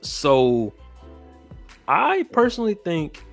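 A man's voice: a little high, wildly swooping pitch, slow, soft background music. A young man, hosting a casual podcast chat, telling rambling stories and swearing freely. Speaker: podcast host.

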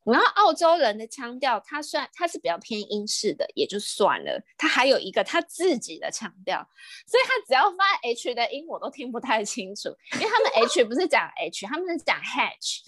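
Lively young Taiwanese woman telling stories. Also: high-pitched, dry recording, clean studio sound. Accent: Taiwanese Mandarin. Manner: animated, laughing often, mixing in English words. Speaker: podcast co-host. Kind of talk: casual storytelling chat.

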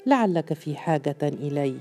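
A sly, smooth-talking spirit, given voice by a man narrating an audiobook story. He speaks calmly and coaxingly, his tone very dark and mellow, with faint music underneath. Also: a little high, moderate pace. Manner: smooth, soothing, mocking. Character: sly male spirit, calm tempter.

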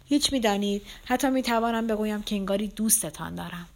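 A woman voicing a gravely ill young man who speaks quietly in a hoarse, near-whispering voice, in an audiobook reading. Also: mid-range voice, natural voice. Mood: pleading. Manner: quiet and slow.

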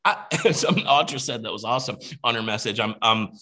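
A man coaching his team in an energetic, casual motivational training over a video call. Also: mid-range voice, quick pace. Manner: energetic, emphatic, casual, repeats "you gotta".

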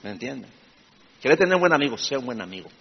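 A man preaches a sermon in a slightly husky voice, shifting between loud emphatic bursts and low, confiding asides. The sound is dull and lo-fi, with a long reverb trailing each phrase as if in a large hall. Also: very animated, fast talker. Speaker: pastor.

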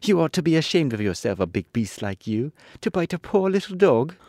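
A man voicing a brave young girl with a high, scolding tone in a storybook reading. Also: wildly swooping pitch, normal speed, darkish tone, dry recording, studio quality, full character voice.

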